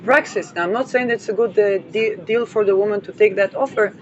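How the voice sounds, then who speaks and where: A woman who hosts an astrology channel talks in a rambling, digressive manner full of playful asides and fillers. Her voice is medium-pitched and a little fast, and the dull lo-fi recording picks up vehicle noise.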